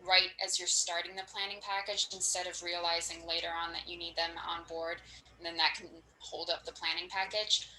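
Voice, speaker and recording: A woman from a design firm calmly explaining a permit process step by step over a conference call. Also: lowish voice, brisk, roomy sound, low-quality recording. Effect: conference call audio. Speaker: planning staff at a design firm.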